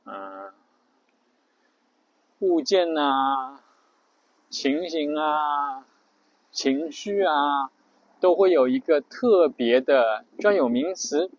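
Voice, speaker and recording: A man hosts a spoken audio show and talks slowly and unhurriedly, thinking aloud with plenty of fillers. His voice sits a little higher than most men's and sounds dry and close, with no room around it. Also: lively intonation, dry recording, low-quality recording. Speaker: podcast host. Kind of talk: casual explainer monologue.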